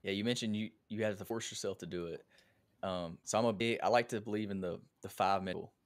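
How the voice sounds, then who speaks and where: A man's voice: on the low side, fairly even intonation, fast, no room sound. A man hosting a podcast interview, talking in an earnest, conversational way about his own habits. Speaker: podcast host.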